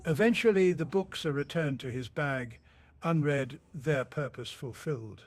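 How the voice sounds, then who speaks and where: A man narrating a mock documentary in a measured, deadpan, formal manner, as if observing wildlife. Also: on the high side.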